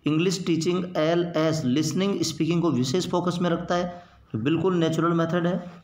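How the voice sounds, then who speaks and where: A man's voice: a little high, fairly even intonation, darkish tone. A man giving an exam-prep lecture as an English teacher, explaining in Hindi mixed with English terms and repeating points for emphasis. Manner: reads English quotations slowly, then glosses them. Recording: echoey room.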